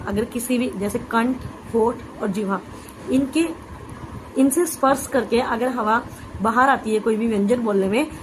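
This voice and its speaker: A woman teaching an exam-prep grammar lesson, explaining patiently, saying "okay" often and spelling out letters slowly. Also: a little high, slight background noise, rough recording.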